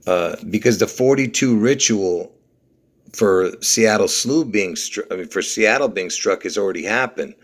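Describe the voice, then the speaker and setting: An expressive, fairly low-pitched man from Lebanon talks at normal speed as host of a numerology conspiracy video. Rambling and insistent, he keeps repeating numbers and tossing in "okay?" and "you see?"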